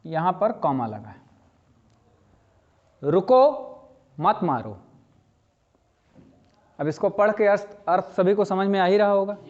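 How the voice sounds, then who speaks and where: A middle-aged man teaching a language lesson, explaining slowly, repeating key phrases and asking his students questions. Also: sits high, expressive, darkish tone. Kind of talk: classroom lecture. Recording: slightly dull lo-fi sound.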